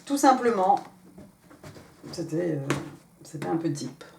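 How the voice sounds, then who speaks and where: A woman's voice: on the low side, very animated, slow, gravelly, roomy sound, noisy background. A woman giving a casual tarot reading, chatty and rambling, thinking aloud with many fillers and slipping English card phrases into her French. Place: home in England.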